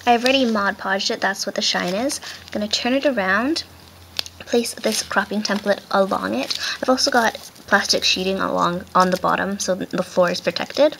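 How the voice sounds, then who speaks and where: A woman's voice: mid-range voice, moderate pace. A woman hosting a casual hands-on craft tutorial, talking step by step while she works, her voice muffled by a face mask. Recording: clear background noise, handling clicks.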